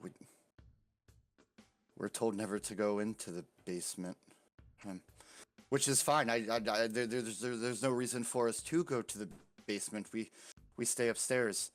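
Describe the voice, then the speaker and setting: A man's voice: fairly low pitch, close to an everyday voice. A man voicing a frightened young girl who stammers and repeats herself nervously. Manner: stammering, halting, nervous repetitions.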